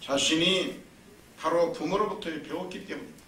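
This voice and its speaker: Preacher man giving a sermon, high voice, far from the mic with a bit of hiss in the room. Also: normal speed. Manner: storytelling, lively and emphatic. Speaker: pastor. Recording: roomy, distant mic, faint noise.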